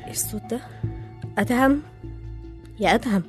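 A woman's voice: fairly high pitch, fairly quick, faint music behind, natural voice. A woman with an Egyptian Arabic accent acting a young wife in an audio drama, shaken by nightmares. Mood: terrified. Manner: sleepy then panicked, pleading.

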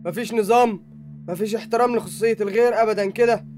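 A woman's voice: a little high, steady tone, very fast, darkish tone, faint music behind, lightly acted. A performer voicing an indignant, stuffy male neighbour who complains about noise. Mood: irritated.

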